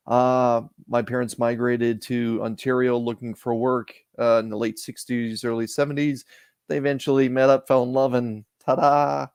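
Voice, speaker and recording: A man's voice: medium pitch, level tone, normal speed, a little mellow, clean tone, no room sound, clean studio sound. Canadian man in rambling live-stream chat. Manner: rambling, repeats and restarts words. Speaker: guest.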